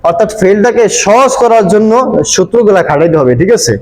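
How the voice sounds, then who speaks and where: A man with a high voice teaches a grammar lesson, walking through each rule step by step. He often checks whether his listeners follow and stretches example words out slowly. The recording has the roomy sound of an echoey space. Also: lively intonation, darkish tone.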